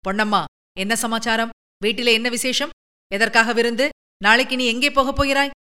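A woman reading a story, voicing an eager, talkative young man who speaks in rapid, excited bursts. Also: mid-range voice, smooth, natural voice. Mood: alarmed, excited.

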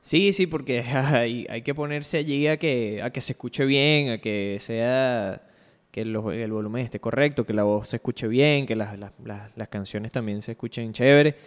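A man co-hosting a sports podcast chats in an easygoing, halting way, trailing into fillers and restarts. His voice sits at an ordinary pitch. The recording carries a long, roomy reverb. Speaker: podcast co-host and editor. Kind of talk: casual chat. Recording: reverberant room.

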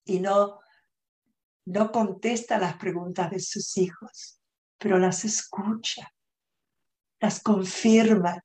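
A woman coach talks very slowly and deliberately in a podcast interview. Her pitch sits in the middle of the usual range. She acts out her own inner thoughts and now and then drops English words into her Spanish. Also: steady tone, a little mellow. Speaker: self-management coach and guest.

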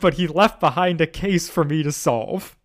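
A man voicing an eager, sheepishly smitten young man in a fan story, read aloud a little higher than his own voice. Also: normal speed, lightly acted. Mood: earnest. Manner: read aloud in a slightly raised pitch.

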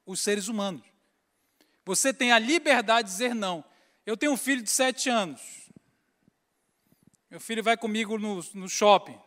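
A man's voice: high voice, moderate pace, pauses often, long reverb tail. A man giving a humorous sermon, acting out scenes and calling his listeners brothers. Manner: animated storytelling, acts out scenes, addresses crowd as brothers. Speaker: preacher.

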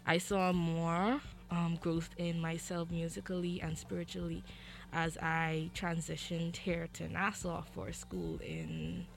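Young Bahamian woman, low-voiced, earnest. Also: slow, vocal fry. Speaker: guest singer. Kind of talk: interview answers. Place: radio studio.

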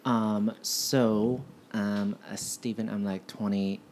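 A man's voice: fairly low pitch, fairly even intonation, slow, darkish tone, slight background noise. A man in his twenties from the United States, a guest in a casual podcast conversation, talking hesitantly with many "um" and "like" fillers. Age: 20s.

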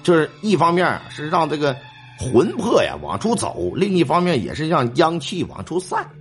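A man telling a ghost story in a colloquial, animated way. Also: on the high side, normal speed, soft background music.

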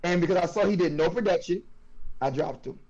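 A man with a notably high voice talks through a phone, and his audio comes out fuzzy and distorted. The sound is dull and lo-fi, and he trips over his words and restarts often in a loose, casual back-and-forth. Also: a little fast. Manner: animated, stammering restarts. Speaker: fantasy football league member. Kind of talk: casual trash-talk chat.

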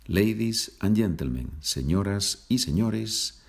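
Slow, low-voiced teacher man. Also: expressive, creaky. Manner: slow, repeats phrases for learners. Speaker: Spanish teacher. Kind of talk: language lesson podcast.

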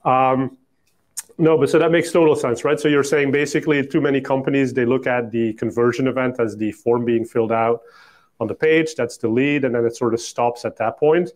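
A man hosting a casual podcast chat. He fires off questions in a curious, quick way and trails through fillers as he thinks. His voice sits in an ordinary middle pitch. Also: fairly even intonation. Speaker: podcast host.

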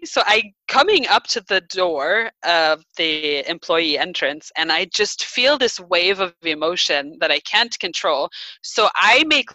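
A woman in her thirties telling a personal story in casual chat, animated, laughing often and using many fillers. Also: mid-range voice, dry recording, poor audio.

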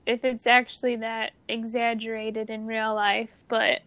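A young Midwestern woman talks loosely on a casual podcast, wandering through her thoughts and swearing offhandedly. Her voice sits a little high, and the recording is dry and close with no room sound. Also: monotone, a little slow, fairly bright tone, smooth, no echo. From Missouri. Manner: rambling, chatty, casual swearing. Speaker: podcast co-host. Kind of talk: casual chat.

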